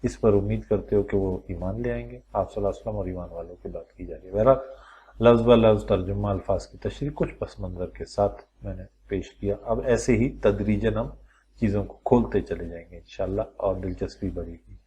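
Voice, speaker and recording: A Quran teacher with a low, warm voice leads a recorded lesson, going through the material step by step and asking the class questions aloud. When listing examples he slows down and draws out each word form. There is slight background noise.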